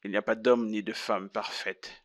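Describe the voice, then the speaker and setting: A man dubbing a calm, preachy marriage counselor in a film drama, speaking in a measured, sermonizing way. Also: fairly low pitch, natural voice.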